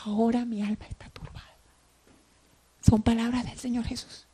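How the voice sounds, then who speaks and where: A woman's voice: on the high side, little pitch movement, moderate pace, warm tone, husky. A woman preaching a Sunday sermon, often dropping to near whispers and rising to fervent cries.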